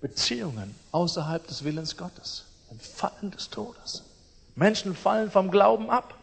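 A man with a high-pitched voice delivers a sermon, his words ringing with a long reverb tail through the hall. He is emphatic and restless in level, booming one moment and quietly pointed the next. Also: very animated, a little slow, creaky, husky. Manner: emphatic, swings between loud declarations and quiet asides. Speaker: preacher.

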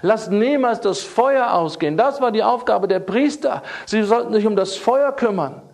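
A man delivers a sermon in a high-pitched voice. He speaks emphatically, circling back to key phrases and pressing them home. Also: expressive, normal speed, vocal fry, a little mellow. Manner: emphatic, repeats key phrases, fillers and restarts. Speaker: preacher.

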